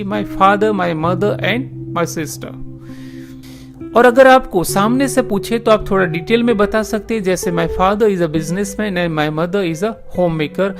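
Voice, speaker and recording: A man teaching English in a video lesson. He speaks slowly and deliberately, spelling out example sentences one by one. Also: high-pitched. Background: guitar music.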